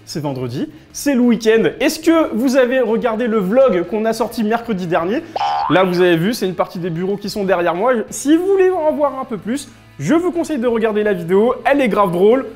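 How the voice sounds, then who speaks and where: A man with a high, light voice hosts a weekly news roundup, talking straight to camera in a loose, joking way. He keeps it chatty and informal and often turns to address his viewers. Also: very animated, a little fast, a little mellow, soft background music. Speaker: host of a weekly manga and gaming news show. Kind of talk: casual news recap to camera. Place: office.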